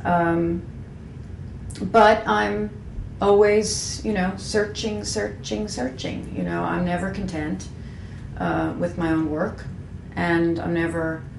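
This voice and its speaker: Candid and self-deprecating, a graphic designer in her fifties reflects frankly in an interview, her speech full of fillers and restarts. She has a low, gravelly voice with little pitch movement and a slow delivery. Faint background hum fills the echoey room.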